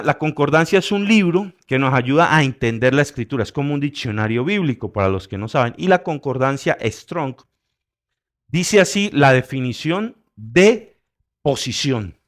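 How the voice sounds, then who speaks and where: A middle-aged pastor delivers a sermon in a high-pitched voice. He jokes with the congregation and checks whether they are following, swinging between loud, emphatic peaks and quiet asides.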